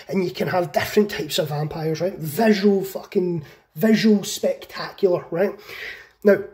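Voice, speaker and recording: A man casually pitching a film idea, excited and profane, with lots of fillers. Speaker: channel host.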